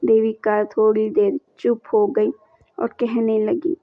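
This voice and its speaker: A woman storyteller giving a scripted narration of a family story in a slow, even, measured reading. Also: on the high side. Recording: dry, dull lo-fi recording.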